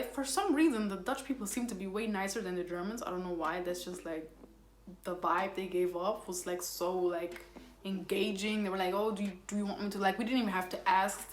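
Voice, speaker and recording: Chatty young woman telling a story. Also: mid-range voice. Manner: animated, heavy use of "like", voice rising when angry. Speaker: vlogger. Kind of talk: storytime vlog. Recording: echoey room with faint music.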